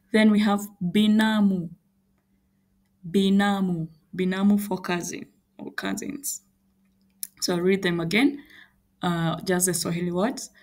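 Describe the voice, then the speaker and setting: A woman teaching a language lesson, repeating each word slowly and carefully. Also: medium pitch, creaky, darkish tone. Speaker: Swahili teacher.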